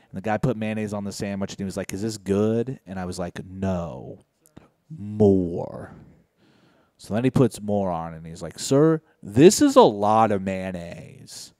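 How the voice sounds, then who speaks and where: A young man from Indiana doing a stand-up set on a comedy club stage, deadpan and low-key with sudden loud outbursts. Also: dry recording, studio quality.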